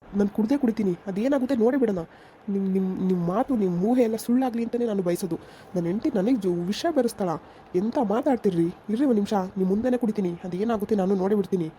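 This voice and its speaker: A woman playing a short-tempered young husband in an amateur village skit, scolding in rapid outbursts. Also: medium pitch, mellow, a little hiss or hum, natural voice. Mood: angry.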